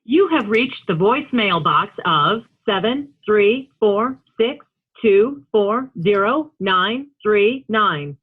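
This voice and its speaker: A woman's recorded answering machine prompt, heard as an automated voicemail greeting over a phone call, formal and measured. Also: mid-range voice, lively intonation, husky. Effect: automated voicemail greeting over a phone line. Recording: tinny phone line.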